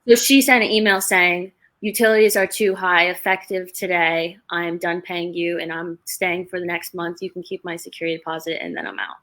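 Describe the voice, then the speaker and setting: A woman's voice: on the low side, brisk, few pauses, fairly bright tone. Chatty young woman telling stories. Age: 20s. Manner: chatty storyteller, laughs between stories. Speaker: guest, real estate investor. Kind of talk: casual interview over a livestream.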